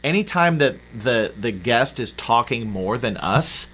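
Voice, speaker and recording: A man's voice: medium pitch, expressive, a little slow, fairly bright tone. A man hosting a podcast, chatting in an upbeat way and plugging the show. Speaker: podcast co-host. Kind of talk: casual chat.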